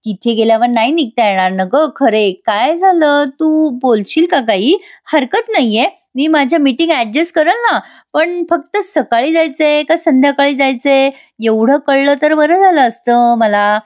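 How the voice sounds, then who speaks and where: A woman's voice: high-pitched, expressive, moderate pace, hardly any pauses, no echo, clean studio sound, voice pushed up. A woman voicing a young husband from a TV serial, sweet-talking and pleading with his wife. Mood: coaxing. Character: young husband, coaxing then baffled.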